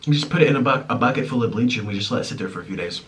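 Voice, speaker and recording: Eating on camera at home, a Ukrainian-born, US-raised man in his twenties chats casually and rambles as a mukbang host. He talks at a racing pace in an expressive, fairly bright, medium-pitched voice, recorded with a slightly distant mic and faint room noise.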